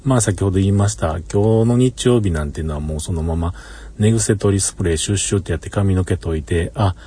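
Man, Kansai accent, low voice, husky, rambling casual monologue, chuckling, parked car. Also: fast, warm tone. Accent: Kansai Japanese. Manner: rambling, easygoing, chuckles often. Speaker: solo podcaster.

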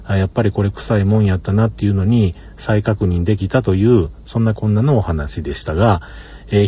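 Speaking with a Kansai Japanese accent, a solo podcaster rambles easygoingly and chuckles often while sitting in a parked car. His voice is lowish and warm with a breathy edge.

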